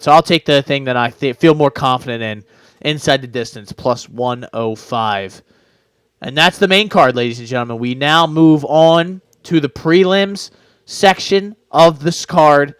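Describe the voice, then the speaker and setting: A podcast co-host gives casual sports betting picks, rambling with plenty of fillers and restarts. His mid-range voice is clean, with no echo.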